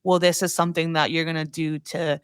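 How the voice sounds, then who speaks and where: A food trends newsletter writer, appearing as a podcast guest, rambles informally and fills her sentences with "like." Her voice is low and level, fairly quick and clean, recorded in a clean studio with no echo.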